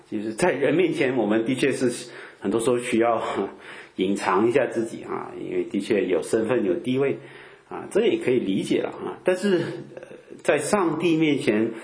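A man preaching in a relaxed, conversational way, filling his talk with drawn-out "ah" sounds and rhetorical questions. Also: medium pitch, roomy sound. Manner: chatty, peppers speech with drawn-out "ah" fillers and rhetorical questions. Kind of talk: conversational Bible teaching.

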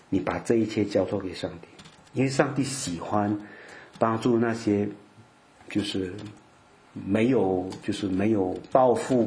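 A man's voice: on the low side, darkish tone, slight background noise. A middle-aged man preaching a sermon, often stumbling over repeated words and checking in with his listeners. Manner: repeats words, frequent 'ah' fillers, asks listeners OK.

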